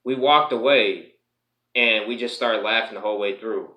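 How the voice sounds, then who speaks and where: Guy rambling through a story time vlog, bright sharp voice, says you know a lot, echoey room. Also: lowish voice, moderate pace. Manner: rambling, lots of "you know" fillers, swears freely. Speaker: martial arts instructor.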